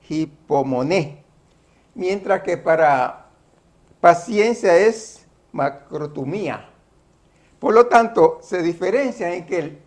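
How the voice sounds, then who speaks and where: A man teaching a Bible study lesson, explaining terms step by step in a deliberate way. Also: sits high.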